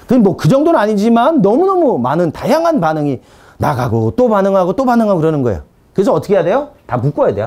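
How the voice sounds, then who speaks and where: A male preacher with a high voice that leaps around as he talks. He tells animated stories from his ministry and acts out his commands, then drops to a low, quiet, firm tone when he orders spirits to stop. The sermon is lively and conversational. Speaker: pastor teaching deliverance ministry.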